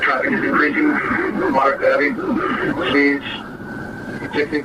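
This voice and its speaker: A police officer over a police radio, giving terse, clipped call-outs of streets and speeds during a pursuit. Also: male voice, fairly high pitch, completely flat delivery, moderate pace. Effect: heard over a police radio. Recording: distant, very noisy radio transmission.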